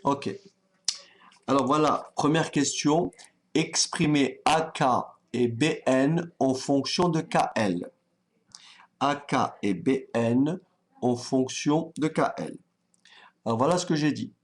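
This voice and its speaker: Male maths teacher, slow and calm, patient, checks in with his students as he works. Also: medium pitch. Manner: calm, patient, thinks aloud while writing; talks directly to students, checks they follow. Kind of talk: online exam-prep lesson.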